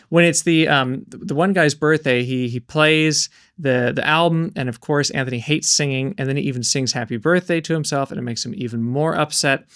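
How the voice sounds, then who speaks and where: A man's voice: fairly high pitch, fairly bright tone, no echo, studio quality. A man co-hosting a book discussion, talking in a thoughtful, questioning way with hesitant fillers. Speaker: book podcast co-host.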